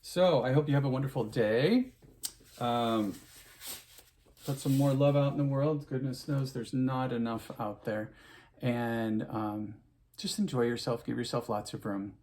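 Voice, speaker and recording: Speaking at a measured pace in a mid-range voice, a middle-aged opera singer chats casually and loosely with his viewers, with slight background noise. He uses plenty of fillers and restarts before a warm sign-off with advice.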